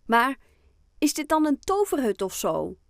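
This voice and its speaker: Woman doing a squealing, excited little girl. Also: sits high, measured pace, creaky, no room sound, studio quality, voice pushed up, exaggerated voice. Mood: curious. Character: lively little girl, easily amazed. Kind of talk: children's audiobook.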